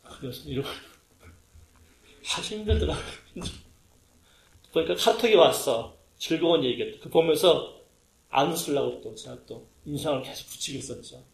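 A male pastor tells a story to his congregation, slipping into English phrases as he acts out what people said. His voice sits somewhat high, and the sound carries the roomy echo of a church hall. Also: moderate pace, creaky, long pauses. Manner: animated, acts out quotes, mixes in English phrases. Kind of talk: storytelling sermon. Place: church sanctuary.

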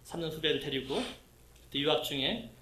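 A middle-aged man preaching a conversational sermon, telling lively personal stories, acting out voices and asking the congregation questions. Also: a little high, a little fast, reverberant, a little hiss or hum. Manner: lively storytelling, acts out quoted voices, asks the congregation questions. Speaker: pastor.

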